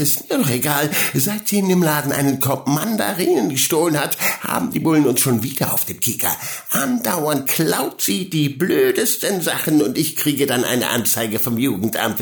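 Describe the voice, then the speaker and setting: A man's voice: mid-range voice, expressive, normal speed, pitched above the performer's own voice, lightly acted. A man voicing a spiteful, aggressive adoptive mother in an audiobook, with venomous scolding. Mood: furious ranting. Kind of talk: audiobook character voice.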